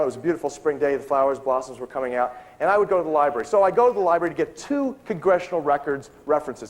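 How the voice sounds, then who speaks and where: A middle-aged man speaking to a live audience, telling a story with lively acted-out dialogue. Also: on the high side. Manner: animated storytelling, acting out dialogue.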